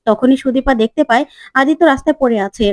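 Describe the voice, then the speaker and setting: A woman's voice: high-pitched, fast, no room sound. A woman retelling a TV serial episode in plain running narration.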